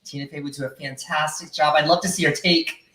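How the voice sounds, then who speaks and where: Male drag queen host, campy and theatrical, bright-voiced chatty raconteur, roomy echo. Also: a little high, fairly even intonation, fairly quick. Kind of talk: chatty live show banter and storytelling. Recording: echoey room sound.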